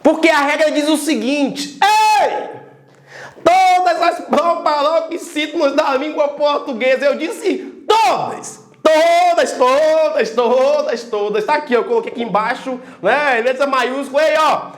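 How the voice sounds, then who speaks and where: A man teaching a grammar lesson with energy, loudly calling out syllables to show stress. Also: very high-pitched, moderate pace, hardly any pauses, echoey room. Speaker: Portuguese teacher.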